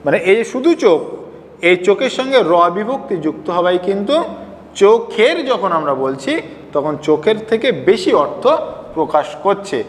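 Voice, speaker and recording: A man's voice: high voice, expressive, normal speed, in a large hall, a little hiss or hum. A male teacher giving a class lecture, explaining step by step and asking rhetorical questions.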